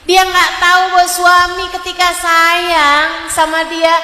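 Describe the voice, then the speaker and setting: High-voiced woman preaching in an echoing hall. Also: monotone, measured pace. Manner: earnest, acts out prayers in a soft low voice; repeats a sung refrain. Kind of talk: sermon. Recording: echoey hall with long reverb.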